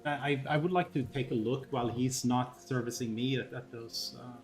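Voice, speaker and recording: Male role-play gamer, average pitch, hesitant improvised delivery, faint music bed. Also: fairly even intonation, normal speed. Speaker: tabletop game player.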